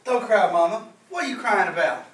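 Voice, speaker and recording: Man as a young Marine son, polite, quiet, high voice, echoey far recording. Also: expressive, fairly quick. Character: young Marine son Corey, reserved and dutiful. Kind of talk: amateur school play acting.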